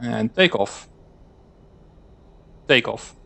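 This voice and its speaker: A man's voice: medium pitch, expressive, extremely slow, gravelly, sharp tone, no echo. A man, an airline pilot giving clipped radio calls and checklist callouts over a cockpit headset microphone.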